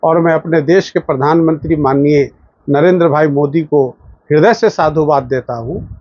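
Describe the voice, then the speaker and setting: A man speaking as a lawyer in formal political commentary to a news channel, emphatic, with pauses and fillers. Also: on the high side, no room sound, muffled recording. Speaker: lawyer giving a statement.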